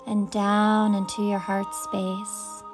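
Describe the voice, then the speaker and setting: Calm woman talking you through a meditation, super slow and soothing, faint music behind. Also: mid-range voice. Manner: soft, slow, soothing invitations. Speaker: meditation guide. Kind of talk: guided meditation.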